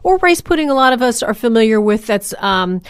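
A woman's voice: on the high side, very animated, fairly quick, clear, resonant tone. A woman hosting a podcast, asking curious questions and narrating. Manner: curious, asks many questions. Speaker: podcast host. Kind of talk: interview and narration.

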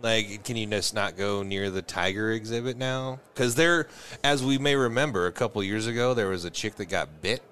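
A man's voice: fairly low pitch, normal speed, hardly any pauses, a bit bright, clean tone. A man co-hosting a podcast from a bar, telling loose, jokey stories and swearing freely. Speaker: podcast co-host. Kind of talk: casual bar chat.

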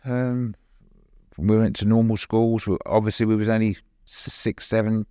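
Low-voiced East London man reminiscing. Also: fairly even intonation, moderate pace, warm tone, clear, resonant tone, no room sound, studio quality. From East End of London, later Suffolk. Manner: plain-spoken, repeats "you know". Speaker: interview guest. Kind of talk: conversational personal recollection.

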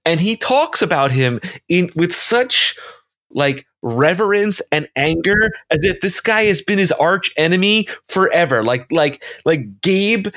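A man's voice: high-pitched, expressive, a little slow, a bit bright. A man co-hosting a casual movie review podcast, giving blunt, emphatic opinions. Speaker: podcast co-host.

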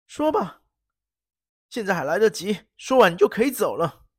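A storyteller voicing a cunning, fierce gentleman thief who threatens and shouts. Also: medium pitch, very animated, normal speed, slightly rough, no room sound, studio quality, pitched above the performer's own voice. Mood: threatening. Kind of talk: storybook reading.

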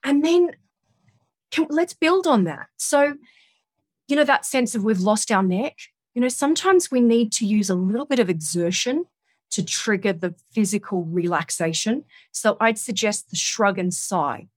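A woman speaks like a yoga teacher, gently coaxing the listener through relaxation exercises. Her pitch sits in the middle for a woman, and the recording is dry and close. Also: moderate pace, dry recording. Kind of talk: guided relaxation instruction.

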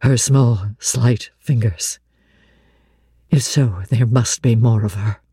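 A woman voicing a blind, brooding gentleman in a classic novel, commanding and impassioned. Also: rumbling low, slow, husky, no room sound, clean studio sound, pitched below the performer's own voice, full character voice. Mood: overwhelmed. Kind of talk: dramatic audiobook reading of classic literature.

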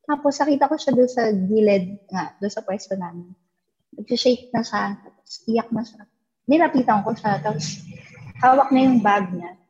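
Woman, husky voice, casual storyteller who acts out quoted lines; dull lo-fi recording. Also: on the high side, moderate pace, darkish tone. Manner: mixes English into Tagalog, acts out quoted dialogue. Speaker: guest telling a ghost story.

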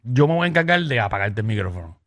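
A man's voice: medium pitch, big pitch swings, quick pace, fairly bright tone. A man with a Puerto Rican accent hosting a radio show, joking casually with co-hosts and callers. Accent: Puerto Rican Spanish. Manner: playful, joking banter. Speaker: radio host.

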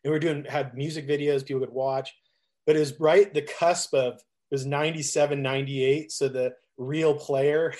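A man's voice: fairly high pitch, fairly even intonation, brisk, a little mellow. A middle-aged man, a musician, telling stories in a casual interview, rambling with restarts, laughing often and acting out quoted lines. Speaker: musician guest.

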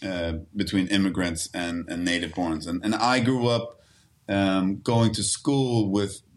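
A man's voice: deep voice, steady tone, unhurried. A man from Sweden in his thirties, an actor talking casually as a guest, with many restarts and fillers. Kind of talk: casual interview talk.

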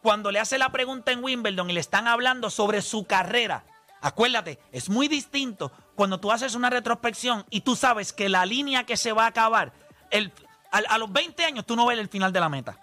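Man, high voice, bright tone, insistent, keeps cutting in, long sports analogies. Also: expressive, normal speed, soft background music. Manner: insistent, talks over others, explains with long analogies. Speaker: podcast co-host. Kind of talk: heated sports debate.

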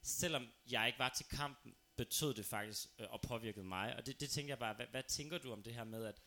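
Bright-voiced playful male host. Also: medium pitch. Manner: playful, asks probing questions. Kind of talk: casual talk show chat.

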